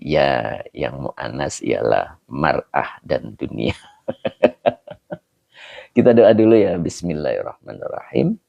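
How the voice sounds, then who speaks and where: A preacher wraps up his livestreamed study session casually, reading out viewer comments and names with plenty of laughter and jokes, hopping between Indonesian, Javanese, Sundanese and Arabic. He has a gravelly, deep voice, dark and mellow in tone. The recording is dry, dull and close, with no sense of a room around him.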